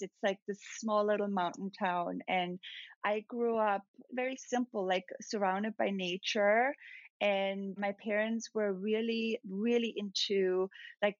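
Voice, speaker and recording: A woman's voice: mid-range voice, no echo. A woman from Austria, a makeup artist, chatting casually on a podcast and laughing often. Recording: dull dry remote mic sound.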